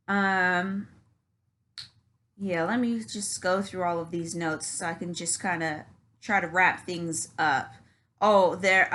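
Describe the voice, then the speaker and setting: A woman's voice: medium pitch, sharp tone. A woman vlogger talking in a casual, rambling monologue with many restarts.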